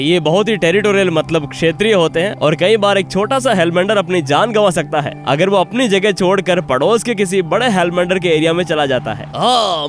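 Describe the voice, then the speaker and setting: A man presenting an outdoor wildlife show in an excited, explaining way, exclaiming often. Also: high-pitched. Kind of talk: Hindi dub of an outdoor wildlife vlog.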